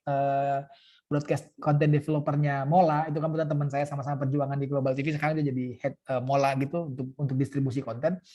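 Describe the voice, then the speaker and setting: A man's voice: on the high side, a little mellow. A man speaking as guest in a webinar, casual and joking, with many fillers, over a video call. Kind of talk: webinar talk.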